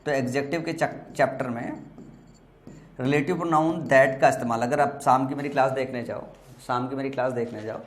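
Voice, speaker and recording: A man whose first language is Hindi teaches exam vocabulary in an echoey room. His pitch is medium and his tone steady as he explains slowly, repeating each word and spelling it out letter by letter.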